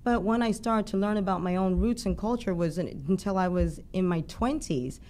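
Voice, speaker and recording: A woman's voice: medium pitch, moderate pace, warm tone. A woman appearing as a musician guest on a podcast, speaking reflectively in long, flowing thoughts. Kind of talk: conversational interview.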